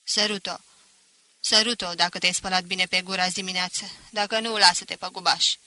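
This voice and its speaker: A woman reading an audiobook voices a stern, sharp-tongued grandmother of ninety who barks scolding commands. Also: on the low side, steady tone, no room sound.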